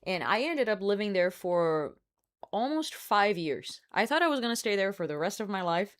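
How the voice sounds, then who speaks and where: A Brazilian woman with a medium-pitched, very animated voice talks at a normal speed while hosting a live stream. She chats candidly and casually, hedging with fillers and laughing often, all while smoking a cigar.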